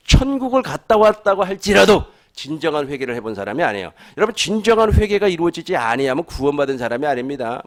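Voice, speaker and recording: A male pastor preaching with a voice that rises and falls in lively swings. His voice sits fairly high, and he keeps putting questions to the congregation and chuckling along the way. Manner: animated, asks the congregation questions. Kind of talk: sermon.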